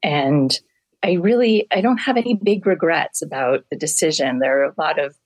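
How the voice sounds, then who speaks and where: A middle-aged woman doctor, hoarse from allergies, answering interview questions candidly and explaining with homely comparisons. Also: low-pitched, moderate pace, no echo, poor audio. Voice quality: gravelly. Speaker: family medicine doctor, guest.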